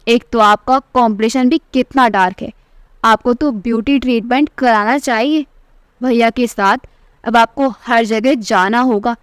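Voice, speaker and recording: A woman's voice: a little high, clean tone, dry recording, clean studio sound, natural voice. A woman voicing a spoiled, fashion-obsessed young sister-in-law who taunts with condescension.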